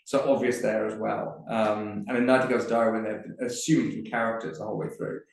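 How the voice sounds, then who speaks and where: Halting man in a very echoey room. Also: lowish voice, flat delivery. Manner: thinks aloud with frequent restarts. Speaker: panel speaker on Dickens's plays. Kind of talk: live panel discussion. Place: museum event room.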